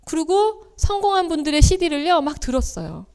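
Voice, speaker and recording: A high-voiced woman speaks at a seminar. Her pitch leaps and falls as she tells personal stories, and she slips into the voices of the people she quotes. She is middle-aged and talks in the manner of a motivational speech. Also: big pitch swings, brisk, darkish tone. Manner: storytelling, acting out quoted family voices with big swings.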